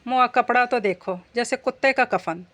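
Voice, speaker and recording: A woman's voice: fairly high pitch, moderate pace, a bit bright, natural voice. A woman doing a fussy older mother-in-law. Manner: complaining, gossipy.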